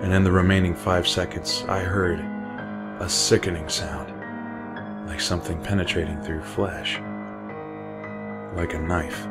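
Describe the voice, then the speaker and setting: A man with a very deep voice narrates a scripted horror story. His reading is measured and unhurried. A clear music bed plays under his voice. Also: level tone. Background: music playing under the voice.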